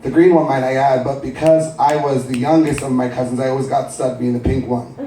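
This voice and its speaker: A man's voice: medium pitch, flat delivery, fairly quick, mellow, slight background noise. A man in his twenties doing wry, self-deprecating spoken-word storytelling at a cafe open mic. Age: 20s. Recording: echoey cafe, mic at a distance.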